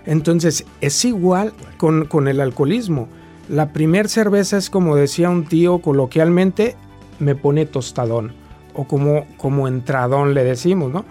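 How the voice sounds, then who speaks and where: A man, a guest specialist explaining in a halting way with many restarts. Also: on the high side, warm tone, soft background music. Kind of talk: explanatory talk-show interview.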